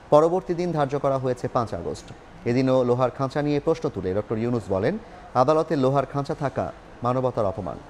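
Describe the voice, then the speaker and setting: A male news anchor reading scripted headlines in a formal, measured way. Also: medium pitch, a little mellow, a little hiss or hum.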